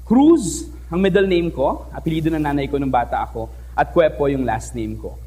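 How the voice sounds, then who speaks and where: A young man from the Philippines speaks to an audience from a stage microphone, telling a story in a lively, joking way. His voice sits high for a man and rises and falls widely. He keeps drawing the crowd in with quick questions. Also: husky. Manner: lively, playful, switches between languages, asks the audience questions. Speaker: teacher giving a talk. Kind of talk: storytelling speech to a live audience. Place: stage in an event hall.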